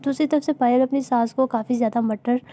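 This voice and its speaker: A woman narrating a cartoon story in a plain, unhurried way. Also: fairly high pitch, steady tone, mellow.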